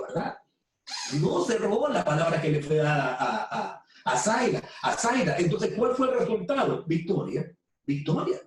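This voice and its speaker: A woman with a Nicaraguan accent preaching to a women's group, fervent, repeating words and slowing down to stress key phrases. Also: fairly low pitch, a little mellow. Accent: Nicaraguan Spanish. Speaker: women's ministry speaker. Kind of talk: preaching talk. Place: room with phones streaming. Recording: very echoey room from a distant mic with faint noise.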